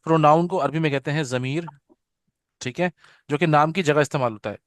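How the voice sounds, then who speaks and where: Patient man teaching a slow repeat-after-me class. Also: fairly high pitch, no echo, clean studio sound. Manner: patient, repeats terms slowly with frequent "theek hai na" check-ins; leads students in call-and-response repetition. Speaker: Arabic teacher. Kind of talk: live grammar lesson.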